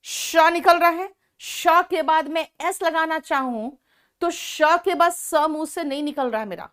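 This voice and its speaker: In a high, somewhat bright voice, a woman leads an online English lesson, speaking slowly in Hindi blended with English. She praises individual students by name.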